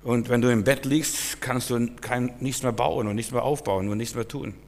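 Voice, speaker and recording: A man preaching a sermon, emphatic, swinging between loud urgency and hushed warnings. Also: medium pitch, steady tone, moderate pace. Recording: long hall reverb.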